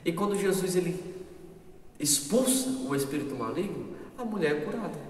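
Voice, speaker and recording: A Brazilian Sunday school teacher leads a church Bible class in an earnest, repetitive, animated way, often asking his listeners questions. He has a Brazilian Portuguese accent and a voice a little high for a man, a little mellow, at normal speed. A distant mic catches him in a long, echoing hall with faint ambience and slight background noise.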